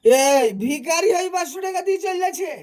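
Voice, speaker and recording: A woman plays a drunk man in a comedy sketch, with a high-pitched voice. The character is coarse, loud and easily insulted, ranting drunkenly over clearly audible music. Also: fast.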